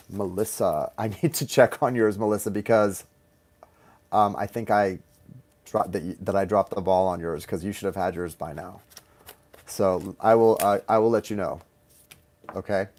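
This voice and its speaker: A man's voice: lowish voice, steady tone, moderate pace, darkish tone. A man hosting a live tarot stream, chatting casually, reading viewer comments aloud and laughing easily.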